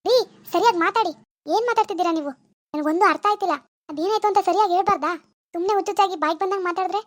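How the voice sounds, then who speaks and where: A woman voicing a flustered young village wife in a cartoon, pleading her innocence in a very high, quick voice. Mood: pleading confused. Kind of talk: cartoon voice acting.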